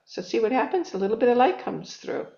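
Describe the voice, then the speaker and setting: A woman's voice: a little high, sing-song, quick pace, vocal fry, dark tone. A woman author, a guest in an interview, talking earnestly about spiritual ideas and illustrating them with everyday examples and quoted self-talk. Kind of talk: reflective spiritual conversation. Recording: roomy, slightly dull recording.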